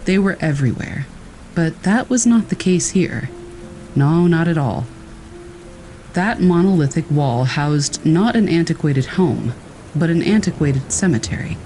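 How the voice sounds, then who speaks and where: A man reading true scary stories aloud in a calm, measured storytelling manner. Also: fairly high pitch, low-quality recording. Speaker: horror story narrator.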